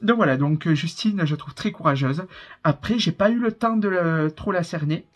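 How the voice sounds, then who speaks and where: At a normal pace and with a somewhat high voice, a twenty-something man from southern France gives a casual, rambling reaction commentary. The YouTuber, who has a southern French accent, laughs often.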